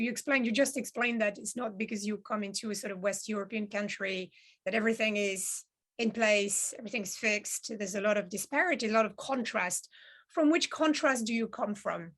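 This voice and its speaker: A woman hosting an interview, asking gently probing questions and encouraging her guest. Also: fairly high pitch, fairly even intonation, fairly quick. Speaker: interviewer, host.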